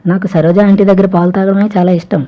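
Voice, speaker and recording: A woman's voice: medium pitch, little pitch movement, fast talker, close to an everyday voice. A woman voicing a bashful young man of twenty who pleads and coaxes, in a dull lo-fi recording. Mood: sheepish pleading. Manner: coaxing, sheepish.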